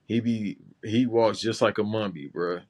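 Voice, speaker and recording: A man's voice: on the low side, unhurried, a little mellow. A man from Los Angeles co-hosting a casual chat show, talking loose and slangy with lots of restarts. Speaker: podcast co-host.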